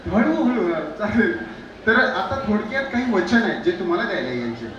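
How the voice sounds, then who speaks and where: A man's voice: high voice, sing-song, brisk, lo-fi sound. A man working as an event anchor at a pre-wedding celebration, energetically teasing the couple and urging the crowd to clap and cheer over a handheld microphone. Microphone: handheld microphone through the house speakers. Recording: echoey venue sound, distant mic, crowd noise.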